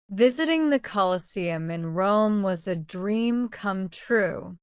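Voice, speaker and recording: A woman reading scripted English-learning example sentences very slowly and deliberately, in a clear, smooth voice. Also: medium pitch, dry recording, clean studio sound. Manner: very slow, deliberate talking. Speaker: English lesson narrator.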